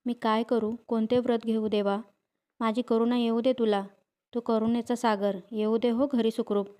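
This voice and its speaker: A woman's voice: a little high, little pitch movement, normal speed, dark tone, clean tone, close to an everyday voice. A woman reading the earnest, imploring prayer of a devout mother. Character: devout young mother praying for her husband.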